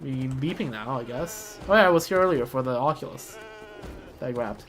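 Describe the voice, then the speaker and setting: A game player giving casual playthrough commentary in low-key, muttered asides. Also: animated, normal speed. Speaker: gamer narrating a playthrough. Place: voice-over on game audio.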